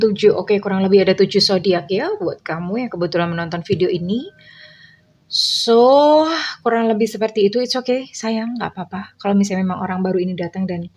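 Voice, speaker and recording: A woman giving a casual tarot reading to her viewers in a gentle, reassuring way, calling them dear and slipping in English phrases. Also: mid-range voice. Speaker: tarot reader.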